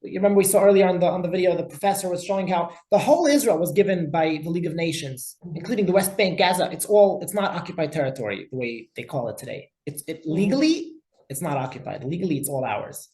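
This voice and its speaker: In a rough recording with a roomy sound, a rabbi teaches a class of lecture and discussion. His voice is dark-toned and on the high side, and he speaks emphatically, often repeating himself word for word.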